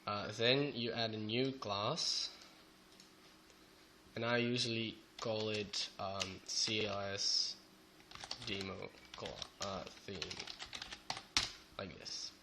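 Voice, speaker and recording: A young programming tutor with a Belgian Dutch accent is sick, his voice sounding off, as he walks through code in a screen-recorded tutorial at a slow, halting pace with many fillers. His voice is fairly low yet bright with a level tone. Faint noise, keyboard typing, and clicks sound behind him.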